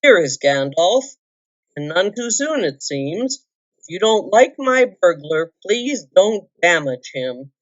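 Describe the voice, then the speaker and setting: A woman's voice: on the low side, sing-song, slow. Woman playing Gandalf, dry old wizard. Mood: commanding, wry. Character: old male wizard, firm and dryly wry. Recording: dull lo-fi roomy recording.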